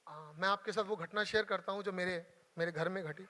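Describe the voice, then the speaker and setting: High bright-voiced man, earnest storyteller. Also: fairly quick. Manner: emotional, earnest, repeats for emphasis. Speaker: motivational speaker. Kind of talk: motivational storytelling talk. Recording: hall reverb.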